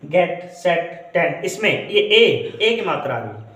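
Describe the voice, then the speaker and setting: A man teaching English pronunciation, explaining slowly and repeating example words with drawn-out vowels. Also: sits high, big pitch swings, sharp tone, echoey room. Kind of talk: Hindi-language English phonetics lesson.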